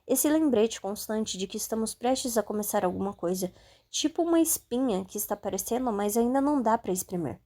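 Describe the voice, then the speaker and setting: A woman's voice: a little high, lively intonation, a little fast, warm tone. A woman voicing a young woman athlete, complaining in a wry, musing way.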